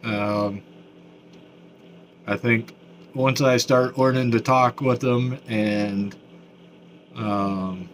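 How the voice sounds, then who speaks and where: A man talking through new dentures in a casual video update, his mouth still numb, halting with many fillers and restarts. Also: medium pitch, fairly even intonation, slight background noise. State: mouth still numb after dental work. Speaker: vlogger.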